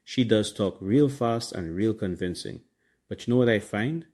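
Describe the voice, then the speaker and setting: A Trinidadian man with a fairly low voice hosts a relaxed podcast. His accent is clear in his island slang and grammar as he gives casual, motivational talk. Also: moderate pace. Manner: colloquial, Caribbean slang and grammar. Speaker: podcast host.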